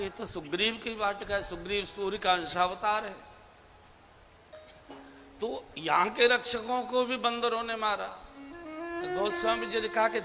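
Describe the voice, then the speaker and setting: A man giving a devotional scripture discourse as a spiritual preacher, measured and emphatic, drawing out key phrases. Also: high-pitched, bright, forceful tone. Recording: long hall reverb with instrumental music behind.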